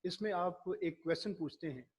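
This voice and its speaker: Guy lecturing, slightly high voice, kinda husky, acts out his examples. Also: moderate pace. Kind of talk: classroom lecture.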